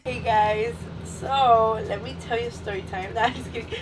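A woman's voice: on the high side, steady tone, moderate pace. A young woman chatting casually in dramatic slang. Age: young adult. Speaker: challenge participant. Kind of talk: casual chat. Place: large open-plan house, indoors. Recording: echoey room, distant mic, music behind.

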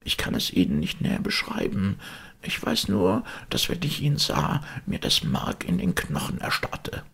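A man voicing a loyal, frightened old male servant in an audiobook, speaking in a hushed, anxious, pleading way with a raspy voice. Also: sits low, sing-song, moderate pace, voice pushed up, heavily acted. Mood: uneasy. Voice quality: gravelly, raspy. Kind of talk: audiobook character reading.

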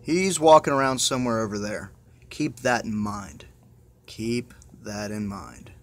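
Unhurried and on the low side, this man's muttered let's-play of a horror game is casual, fed-up, and heavy on swearing. It's a noisy amateur screen recording made on a phone.

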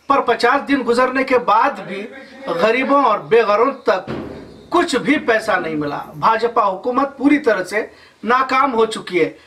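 A man's voice: high voice, pushed and bright, far from the mic. A man in his thirties reading a news report as anchor, with formal Urdu-flavored delivery in a studio.

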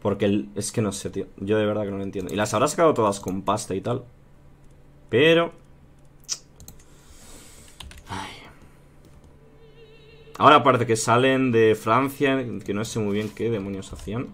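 A man with a Spain Spanish accent and a slightly low voice chats loosely to his viewers as he plays a strategy game. He reasons out loud, keeps calling his audience "tío", and the tapping of a keyboard is heard behind him. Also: fast talker, few pauses. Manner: chatty, thinks aloud, addresses viewers as "chicos" and "tío". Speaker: gaming youtuber. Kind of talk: casual strategy game let's play commentary.

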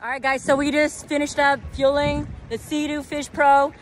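A chatty woman with a fairly high voice hosts her own outdoor travel vlog, talking straight to her viewers in an upbeat, casual way. She is recorded on an action camera or phone out on the water, with music clearly playing under her voice. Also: little pitch movement, moderate pace. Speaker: travel vlogger and host. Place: outdoors at a marina and riding a jet ski on open water.

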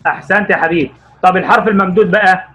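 A man with an Egyptian Arabic accent teaching young pupils online, encouraging them and quizzing them by name, stretching out words slowly as he reads. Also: high voice, fairly bright tone, slight background noise. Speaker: primary school Arabic teacher.

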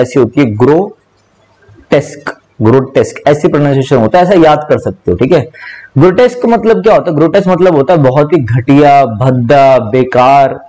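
A man's voice: a little high, mellow, poor audio. A young man teaching a vocabulary class online, explaining word meanings with repetition and spelling words out letter by letter. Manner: mixes English words into speech.

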